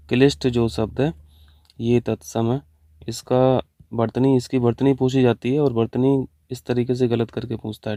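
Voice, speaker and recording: A man's voice: medium pitch, warm tone, no echo. A man teaching an online exam-prep lesson, working through answer options step by step and mixing English terms into his explanations. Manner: mixes English terms into Hindi. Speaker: Hindi teacher.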